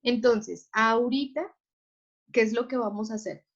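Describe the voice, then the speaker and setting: Woman, teacher, patient lecture, slightly high voice, muffled recording. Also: measured pace. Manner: patient, explanatory, checks in with students often. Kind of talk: online class lecture. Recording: muffled lo-fi audio.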